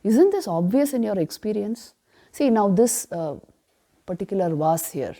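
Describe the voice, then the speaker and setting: A woman leads a scripture class at a retreat, and her voice sounds warm and mellow. She asks rhetorical questions and answers them herself with firm emphasis. Now and then she slows down to chant the verses. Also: medium pitch, big pitch swings. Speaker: spiritual teacher.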